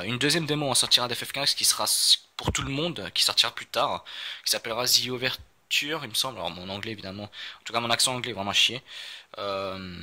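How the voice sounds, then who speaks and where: A man's voice: lowish voice, pushed and bright. A man chatting casually as he unboxes a game, rambling with many fillers and self-corrections.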